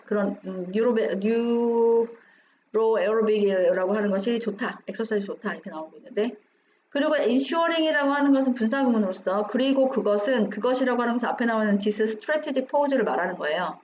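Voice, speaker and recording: Woman teacher walking thru an exam text, slightly high voice, asks then answers herself, dull roomy sound w faint hum. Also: a little mellow. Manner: asks herself questions, then answers them, mixing English phrases. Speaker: English teacher. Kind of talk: explaining an exam passage line by line.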